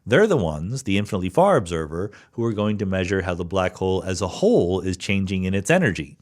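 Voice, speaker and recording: A man hosts a solo podcast answering listener questions, patiently explaining physics ideas while thinking out loud. His voice sits low with big pitch swings and a quick pace, and he constantly checks in with "right?" and "okay?".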